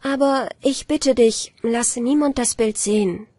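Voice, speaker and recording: A woman voicing a gentle, trusting young bride who asks softly and naively, in a lifted, breathy voice. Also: on the high side, a little slow, dry recording, voice pushed up. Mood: innocent. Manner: soft, naive questioning.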